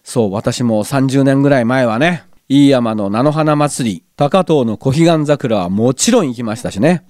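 A man's voice: medium pitch, moderate pace, no echo, studio quality. A middle-aged man hosting a local radio show, chatting through listener mail and explaining things in a knowledgeable way. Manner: lively, explanatory, knowledgeable about speech and accents. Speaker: radio host.

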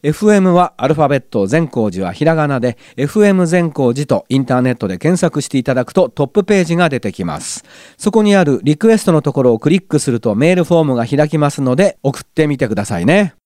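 A man's voice: a little high, sing-song, quick pace, a little mellow, no echo, studio quality. Chatty middle-aged male radio host. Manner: chatty, musing, wry asides. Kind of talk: casual radio talk. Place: radio studio.

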